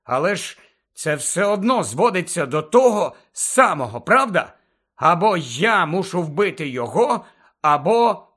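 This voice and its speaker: A man's voice: high voice, very animated, a little slow, a bit bright, husky, full character voice. A man voicing an earnest teenage boy wizard who protests indignantly, in an audiobook reading.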